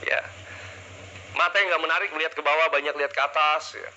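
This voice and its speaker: A man's voice: a little high, steady tone, fast, bright, forceful tone, highs cut off, a little hiss or hum. A man leading a live public speaking seminar, energetically drilling the audience with call-and-response questions into a handheld mic. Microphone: handheld microphone.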